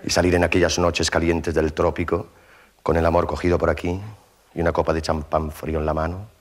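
A man's voice: low-pitched, brisk. Man telling a comic stage monologue. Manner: animated storyteller with mouth sound effects; conversational, with frequent tag questions. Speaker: stand-up comedian. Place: theater stage.

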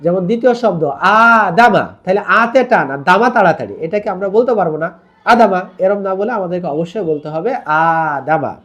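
A man's voice: high-pitched, lively intonation, fast talker. A man teaching tajweed, patiently explaining rules and demonstrating Arabic pronunciation by drawing out the vowels, with English words mixed in. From Bangladesh. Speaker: online Quran teacher.

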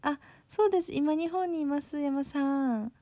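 A woman's voice: sits high, measured pace, mellow, dry recording. A young woman with a Kansai accent, casually chatting on a live stream, reading comments and thanking viewers, a bit sleepy. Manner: bubbly, thanks viewers often. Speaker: livestream host.

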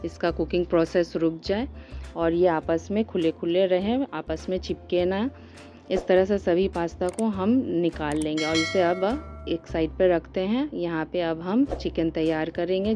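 A woman with a low, mellow voice guides viewers through a home cooking recipe, step by step and unhurried, pausing now and then to find her words. The recording is slightly dull, with soft music underneath. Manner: calm step-by-step instruction with hesitations. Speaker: cooking channel host. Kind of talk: voice-over cooking tutorial.

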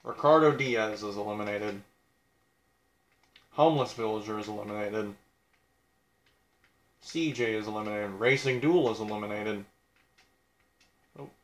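A man's voice: lowish voice, unhurried, pauses often, roomy sound. A young man casually commenting on a video game, blunt and crude, mocking himself as he reads out who is eliminated.

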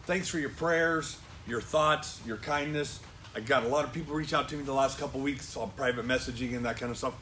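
Bright-voiced joking man co-host. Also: mid-range voice, a little fast, a little hiss or hum. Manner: joking, self-mocking storyteller. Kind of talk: casual live-stream chat.

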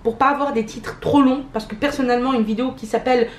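A woman's voice: on the high side, steady tone, fast, a little hiss or hum. A young woman, chatting casually to camera at home in a vlog, with lots of fillers and self-mocking laughs. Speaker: vlogger. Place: at home, indoors. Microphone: camera mic, handheld and held by partner.

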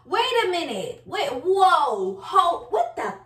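Speaking at an extremely high pitch in a slow, sing-song way with a fairly bright tone, a cooking vlogger in her early twenties casually chats to her audience as she cooks, her speech informal and full of slang. It's recorded indoors in her home kitchen on a counter-mounted camera a few feet away, so it sounds distant and roomy with background noise.

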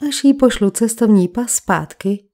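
A woman's voice: fairly high pitch, dark tone, lightly acted. A woman voicing a secretive young woman who earnestly explains herself in a crime audiobook.

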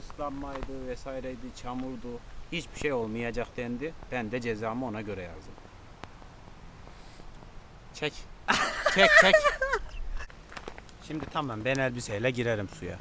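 A man's voice: medium pitch, normal speed. A man vlogging outdoors, bantering casually and commenting to the camera. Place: outdoors near running water. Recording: noisy outdoor camera recording.

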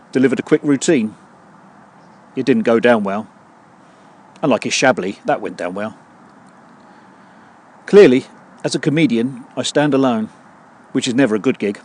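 A man hosting his own podcast, delivering a scripted comedy monologue in a dry, deadpan way full of puns. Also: mid-range voice, husky. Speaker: podcast host.

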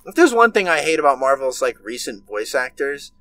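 Over a webcam video call from his bedroom, a nineteen-year-old podcast co-host launches into a heated, profanity-heavy rant in casual conversation. His medium-pitched voice is very animated, brisk and sharp.

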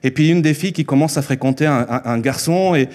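Born in Mexico and raised on Spanish, a man in his thirties preaches an earnest sermon in a church hall, speaking into a handheld mic. His pitch is fairly high with a darkish tone, and he slows on key lines while repeating phrases for emphasis.

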